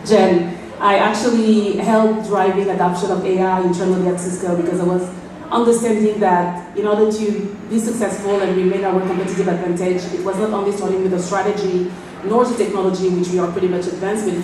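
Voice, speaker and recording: A woman from France, speaking on a panel in a businesslike, fluent way with quick bursts and fillers. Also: medium pitch, flat delivery, darkish tone. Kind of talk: panel talk. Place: event space. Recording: echoey room, mic from far off, faint noise.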